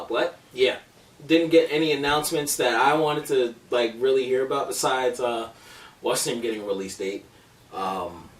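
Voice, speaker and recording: A man in his thirties hosting a casual gaming podcast, talking in a profane, joking, animated way. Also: mid-range voice. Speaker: podcast host. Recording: roomy distant mic with faint noise.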